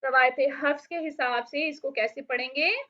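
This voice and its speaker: A woman teaching Quran recitation rules, patiently explaining and asking questions she then answers herself, with slow drawn-out recited verses. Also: high voice, steady tone, bright, forceful tone. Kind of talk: online tajweed lesson. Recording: dull lo-fi audio.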